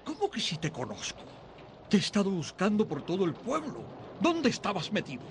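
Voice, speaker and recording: An actor playing a blunt middle-aged male small-town policeman in a dubbed film, brusque and gruff. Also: sits high, huge pitch swings, brisk, slight background noise, exaggerated voice. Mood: puzzled. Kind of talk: dubbed classic film dialogue.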